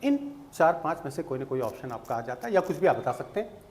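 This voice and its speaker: A man teaching spoken English, explaining slowly and patiently and checking that students follow. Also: mid-range voice, big pitch swings, darkish tone. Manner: slow, patient explaining with checks like "theek hai?".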